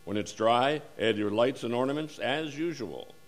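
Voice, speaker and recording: A man playing a polished 1940s radio announcer who gives a formal, smooth sponsor pitch in old radio style. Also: animated, moderate pace, close to an everyday voice. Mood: upbeat.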